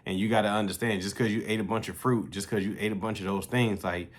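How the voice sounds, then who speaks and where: A man's voice: fairly low pitch, fairly even intonation, fast talker. A man in his late thirties talking casually to camera in a fitness vlog, loose and slangy with plenty of swearing. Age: 30s. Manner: loose, profane, slangy and conversational. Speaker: fitness vlogger.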